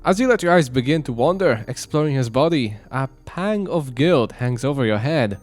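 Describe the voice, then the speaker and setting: A man's voice: mid-range voice, expressive, moderate pace, soft background music. A man hosting and narrating a visual novel read-along with a playful manner. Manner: playful, reads then breaks into jokes. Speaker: channel host and narrator.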